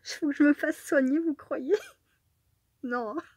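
Woman vlogger, casual and rambling, trips over her words and laughs a lot; higher voice, dry recording. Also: a little slow, no echo. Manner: rambling, self-correcting, giggly, drops to a hush at times. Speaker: craft YouTuber opening fan mail. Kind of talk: casual chatty vlog.

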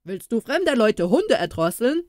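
A woman voicing a rough, angry poultry dealer man who barks and scolds. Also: a little high, very animated, normal speed, darkish tone, no echo, clean studio sound, voice pushed up. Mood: gruff scolding. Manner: barking, scolding.

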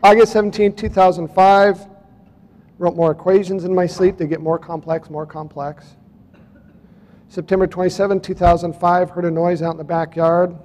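A man with a fairly high yet mellow, dark-toned voice tells his story at a conference in a loose, chatty way. He reads out dates and turns to the crowd now and then. His voice rings out with a long hall reverb. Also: flat delivery, normal speed. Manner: casual storytelling, reading out dates, addressing the audience. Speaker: speaker at a UFO conference. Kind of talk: conference talk presenting photos and clips.

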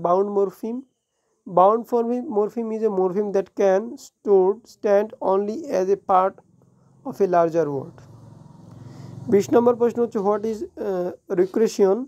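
A woman with a Bengali accent teaching an exam review lesson. She reads English definitions slowly, explains them quickly and often corrects herself. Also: medium pitch, warm tone. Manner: frequent self-corrections and restarts.

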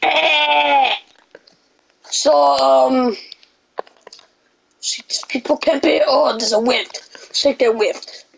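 A woman narrating her own moves during VR gameplay, excitable and prone to sudden shrieks. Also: high-pitched, drawn-out words, gravelly, long pauses, low-quality recording. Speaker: gaming channel host. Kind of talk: VR gameplay commentary.

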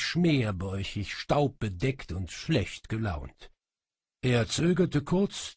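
A man narrating a fantasy audiobook in the first person, wry and animated. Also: mid-range voice, husky, dry recording.

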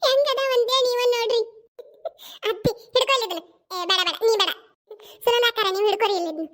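A woman's voice: extremely high pitch, expressive, fast, fairly bright tone. A woman voicing a cheeky, chatty young daughter-in-law in a cartoon, with a North Karnataka accent and a gossipy, giggly way of talking. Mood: excited. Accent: North Karnataka Kannada.

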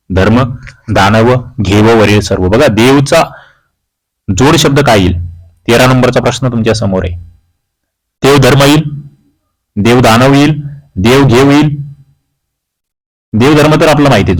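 Speaking at a moderate pace with long pauses, this medium-pitched man from Maharashtra, India, teaches exam prep by reading out questions and options and then explaining the correct answer. The recording is of poor quality.

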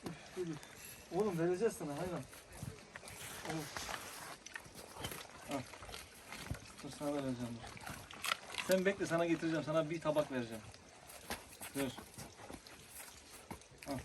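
A man's voice: a little high, normal speed, pauses often. Man firmly commanding stray dogs outdoors. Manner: firm, repeated short commands to dogs. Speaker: vlogger feeding stray dogs. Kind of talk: casual outdoor vlog talk. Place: outdoors by a road in the countryside. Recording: outdoor recording with clear background noise.

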